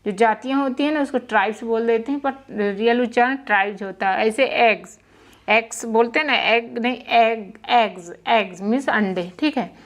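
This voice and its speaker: Fairly quick and somewhat high-pitched, a young woman gives a Hindi lesson explaining English spelling rules and pronunciation. She patiently repeats words and spells out their letters.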